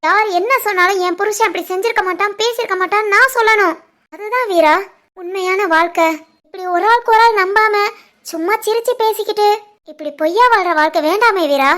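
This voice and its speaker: Woman voicing a very high, hurt young wife. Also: brisk, fairly bright tone. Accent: Tirunelveli Tamil. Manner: reproachful, pleading, tearful. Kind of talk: animated family drama voice acting.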